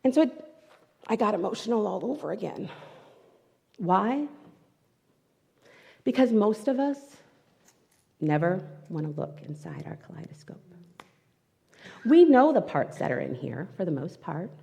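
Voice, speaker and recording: Speaking as a guest at a spiritual centre, a woman shares a personal, emotional and candid inspirational talk into a microphone placed before her, and it's livestreamed from the hall. Her mid-range voice is sing-song, mellow and creaky, at a measured pace with long pauses, and the hall gives a long reverberant sound.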